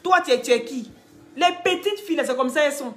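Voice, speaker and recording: A woman's voice: sits high, quick pace. A woman giving scolding, mocking gossip commentary, speaking straight to the people she criticizes. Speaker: online commentator.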